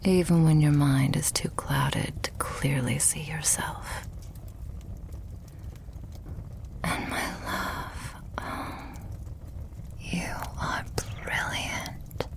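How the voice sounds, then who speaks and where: A woman's low, steady, exaggerated voice takes its time as she portrays a loving, possessive vampire girlfriend in an intimate ASMR roleplay. She sounds hushed, adoring and tender, sighing breathily between phrases.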